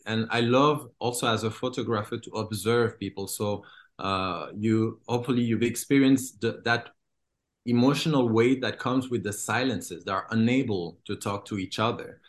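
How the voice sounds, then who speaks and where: A man's voice: mid-range voice, fairly even intonation, moderate pace. Hesitant man from Congo. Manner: hesitant, many fillers and restarts. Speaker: filmmaker. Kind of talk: interview.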